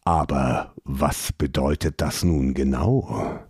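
A man voicing a sinister, blue-skinned male trickster god in a fantasy audio drama, speaking slowly in a breathy, taunting whisper. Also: a bass voice, a little mellow, no echo, clean studio sound, voice pushed down, heavily acted. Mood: menacing whisper. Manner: slow, cold and taunting.

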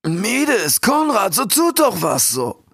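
A whiny, slow-talking eagle king, high and pleading, storybook voice. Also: huge pitch swings, a bit bright, husky, no room sound, studio quality, exaggerated voice. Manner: slow, whiny, odd word order.

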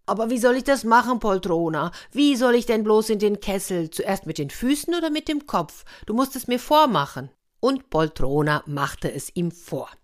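A woman voicing a cheeky, clever little boy in a fairy tale, playful and bright. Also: medium pitch, big pitch swings, moderate pace, pitched above the performer's own voice, lightly acted.

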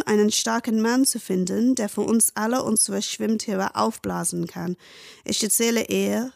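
A woman's voice: mid-range voice, creaky, darkish tone. A woman from Britain with an English accent, a native English speaker, chatting animatedly as a guest and reading her own story aloud, often repeating words as she searches for them. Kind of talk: casual chat and reading aloud.

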